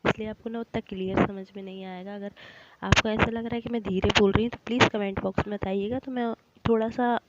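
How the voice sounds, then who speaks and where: A young woman narrating her home cooking in a chatty voice-over, explaining each step to viewers directly and sounding a little short of breath. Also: medium pitch. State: slightly short of breath while talking. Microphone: voice-over recorded while editing. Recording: dull lo-fi audio with loud background noise.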